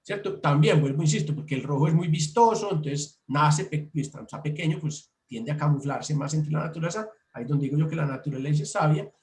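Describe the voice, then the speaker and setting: A man's voice: on the high side, fairly quick, hardly any pauses, darkish tone. A man presenting a birding workshop over slides, explaining at length with frequent restarts and repeated words. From Colombia. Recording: roomy echo.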